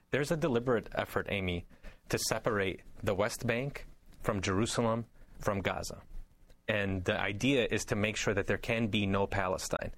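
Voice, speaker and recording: A man, a doctor, answering interview questions with firm, steady statements. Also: fairly low pitch, dry recording. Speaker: Palestinian American doctor guest.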